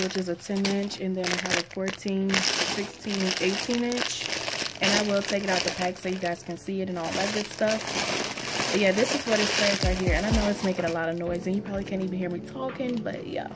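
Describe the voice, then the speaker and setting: A woman's voice: mid-range voice, steady tone, fairly quick, heavy background noise. A young woman giving a casual, rambling product review in a small room, talking with a sore, stitched mouth after having teeth pulled. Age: young adult. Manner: informal, rambling. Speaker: beauty vlogger. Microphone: phone propped at arm's length.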